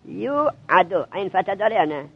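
A man teaching a classroom grammar lesson to seminary students, drilling them with quick questions. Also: high-pitched, very animated, creaky, breathy edge, narrow, tinny audio.

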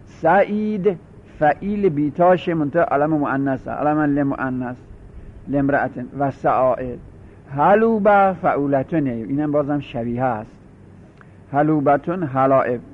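A man's voice: fairly high pitch, slight background noise. Man lecturing over tinny phone-like audio. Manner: methodical, repeats and spells out word patterns. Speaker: teacher. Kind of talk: classroom grammar lecture.

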